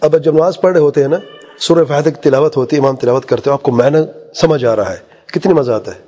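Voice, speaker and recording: A man's voice: a little high, dark tone, breathy edge. A man giving an earnest religious lecture as a preacher, posing rhetorical questions and quoting Arabic phrases. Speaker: Islamic preacher. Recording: long hall reverb.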